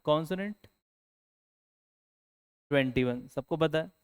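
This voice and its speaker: A man's voice: on the high side, unhurried, smooth. A man teaching English in a classroom lecture, asking the students questions and then answering them himself.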